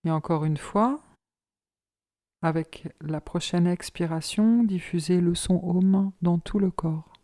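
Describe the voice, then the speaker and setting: With a voice on the low side, this yoga instructor leads a guided relaxation, keeping her delivery calm, soothing, and measured.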